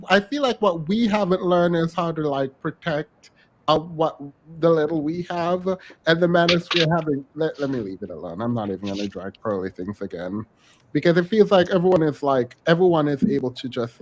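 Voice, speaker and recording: A man co-hosting a podcast, reading viewer messages in casual chat, animated and laughing, dropping into low mutters. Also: normal speed, rough recording. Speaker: podcast co-host.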